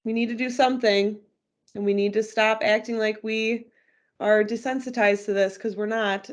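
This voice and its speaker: A woman's voice: fairly high pitch, fairly even intonation, normal speed. A woman co-hosting a casual podcast, talking bluntly and animatedly, with free swearing. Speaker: podcast co-host.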